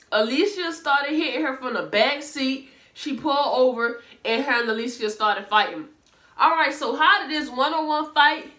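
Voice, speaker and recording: A high-pitched woman with a Southern US accent comments casually on the news and reads messages aloud, blunt and sarcastic. Her voice is bright and sharp, and it bounces around an echoey room. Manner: blunt, animated and sarcastic, talking straight to viewers. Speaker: reaction commentator.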